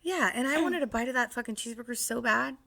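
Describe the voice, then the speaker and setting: A woman's voice: fairly high pitch, fast talker, gravelly, bright, forceful tone. A young woman co-hosting a podcast, telling stories in casual chat, laughing often and swearing freely. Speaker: podcast co-host.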